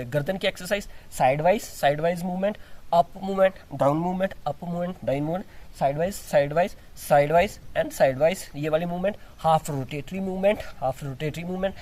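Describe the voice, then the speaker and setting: Man, yoga instructor, high-pitched voice, step-by-step explanation, demonstrating exercises. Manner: explains step by step with frequent restarts, mixing in English terms; demonstrates exercises while talking.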